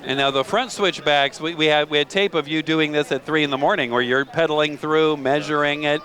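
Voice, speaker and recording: A male broadcast host with a somewhat higher voice, talking live from outdoors. He chats easily, asks questions, and slips in jokes and puns. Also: steady tone, brisk, fairly bright tone. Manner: chatty, joking, asks leading questions. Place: outdoors at a race event.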